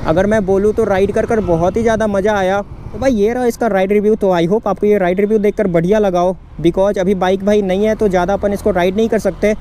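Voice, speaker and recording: High-voiced young man vlogging from a motorbike. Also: fairly even intonation, brisk, hardly any pauses, mellow. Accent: Bihar Hindi. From India. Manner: chatty, keeps saying "bhai", upbeat. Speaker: bike reviewer. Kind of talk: casual ride review vlog. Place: outdoors on a city road. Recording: road and traffic noise.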